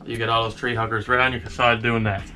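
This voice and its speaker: A man's voice: medium pitch, little pitch movement, fast, sharp tone. A man co-hosting a casual shop vlog, tossing out dry, wisecracking asides in a small garage workshop.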